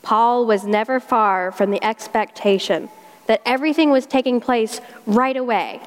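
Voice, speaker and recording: A woman with a South Carolina accent preaches a sermon in a folksy, conversational style full of homey Southern expressions. Her voice sits on the high side at a moderate pace, and long hall reverb surrounds it.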